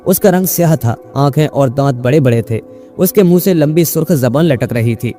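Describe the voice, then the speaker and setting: A man narrating a comic folk tale in a measured, even storytelling delivery. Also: fairly high pitch, faint music behind. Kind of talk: scripted narration.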